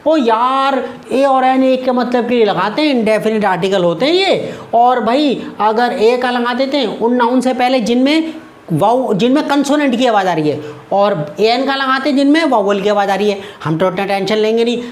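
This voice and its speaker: Lively woman teaching grammar. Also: a little high, moderate pace. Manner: lively, repeats words to drill, asks and answers her own questions. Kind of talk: classroom-style lesson.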